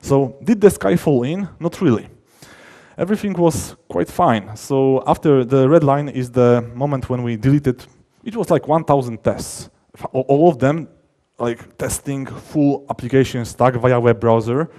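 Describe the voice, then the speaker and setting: A male software developer addresses a conference at a measured pace, his voice relaxed and mellow at a standard male pitch. He talks through technical ideas casually, punching key words. Many of his sentences stop short and restart as he finds new phrasing.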